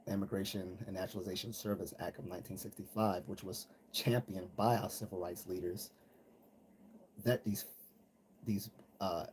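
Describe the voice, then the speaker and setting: An American man hosts a live commentary stream, delivering a casual, blunt, conversational monologue with some slang and mimicking people he quotes. He has a deep voice with a darkish tone, and there's noticeable background noise.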